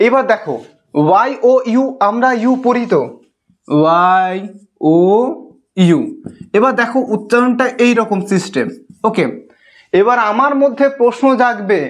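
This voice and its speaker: A man's voice: high-pitched, lively intonation, normal speed. A man teaching an English lesson to children, explaining step by step and checking in with "okay".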